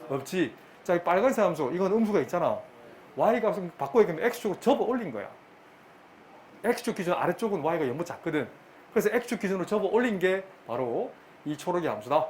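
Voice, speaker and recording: A man's voice: sits high, sing-song, slight background noise. Middle-aged man teaching math. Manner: brisk, bantering with students, repeats questions. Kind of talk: classroom lecture. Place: classroom.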